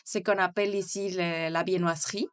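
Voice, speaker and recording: A woman's voice: lowish voice, fairly even intonation, a little fast, smooth. Woman, hesitant. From Mexico City, Mexico. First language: Spanish. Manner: hesitant, many fillers and restarts. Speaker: guest, bakery founder. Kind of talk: interview, casual conversation.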